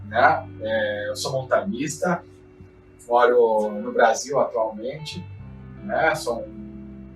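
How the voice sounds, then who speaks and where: A Chilean mountaineer and expedition guide gives an earnest, reflective motivational talk, often ending sentences with short questions. His voice is medium-pitched and slow. The recording sounds roomy and distant, with faint music underneath.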